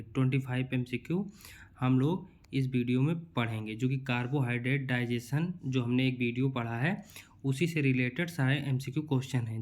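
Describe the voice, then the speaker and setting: Young man, exam-prep teacher, reads questions slowly, casual explaining, frequent fillers. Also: mid-range voice.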